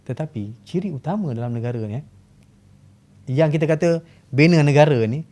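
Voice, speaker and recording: A Malaysian man, a historian guest on a podcast, explaining in a fast way and often asking and answering his own questions. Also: on the high side, animated, mellow. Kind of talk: podcast interview.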